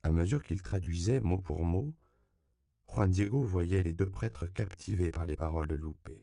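A man narrating an audiobook in a measured, even reading. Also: low voice, creaky. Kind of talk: scripted narration.

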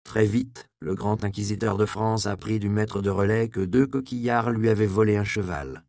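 A man reading a historical novel aloud as an audiobook narrator, with measured storytelling. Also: fairly low pitch, fairly even intonation, creaky, darkish tone, no room sound, clean studio sound. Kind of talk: scripted narration.

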